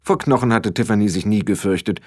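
A man reading a story aloud as an audiobook narrator, in an expressive storytelling manner. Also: on the low side, fast. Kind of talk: scripted narration.

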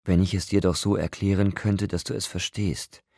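A man reading an audiobook, voicing a frail, stubborn young woman who speaks softly and pleads. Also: deep voice, flat delivery, moderate pace, creaky, no echo, studio quality, pitched above the performer's own voice. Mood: pleading. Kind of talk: audiobook character voice.

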